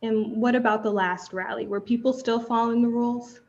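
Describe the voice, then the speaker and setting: A young woman trial advocate questioning a witness and addressing the bench in a measured, formal way, heard through a courtroom recording. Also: a little high, fairly even intonation, a little mellow, highs cut off.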